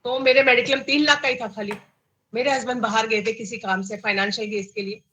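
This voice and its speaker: A middle-aged woman with an Indian accent recounts her own story, her voice bright and forceful. She sits a little above the usual pitch for a woman and tells it in an animated way, slipping into English phrases as she goes. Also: fast, slight background noise, low-quality recording. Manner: animated, acts out quoted dialogue, mixes in English phrases. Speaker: cancer survivor guest. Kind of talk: personal storytelling.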